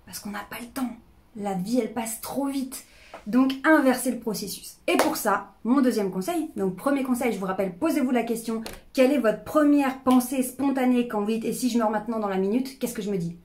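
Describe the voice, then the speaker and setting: A woman's voice: on the high side, a little fast, darkish tone. A woman in her thirties speaking candidly to camera, with fillers and restarts, about her own life. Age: 30s. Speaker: personal development YouTuber. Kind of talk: casual talk to camera.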